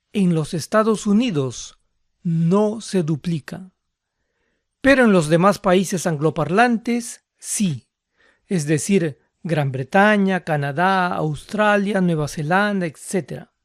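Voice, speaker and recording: Slow, deliberate Spanish-speaking English tutor. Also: mid-range voice, expressive, dry recording, studio quality. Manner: slow, deliberate, spells out rules step by step. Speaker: English teacher. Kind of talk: instructional lesson.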